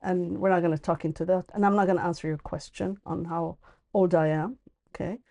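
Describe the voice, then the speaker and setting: Woman, middle-aged, podcast guest, mellow warm tone, hesitant, thoughtful. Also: lowish voice, fairly even intonation, a little fast, creaky. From born in Ethiopia, raised in the UAE. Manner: thoughtful, hesitant, restarts and fillers. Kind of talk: casual conversational interview.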